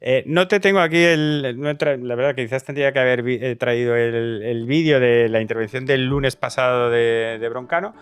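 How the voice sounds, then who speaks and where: A man's voice: medium pitch, steady tone, moderate pace, few pauses, smooth, dry recording, studio quality. A man hosting a news commentary show, talking with hesitant fillers and restarts. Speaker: host.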